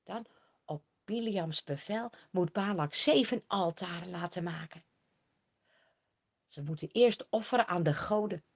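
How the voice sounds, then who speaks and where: Expressive woman telling a Bible story. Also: mid-range voice. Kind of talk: Bible story narration for children.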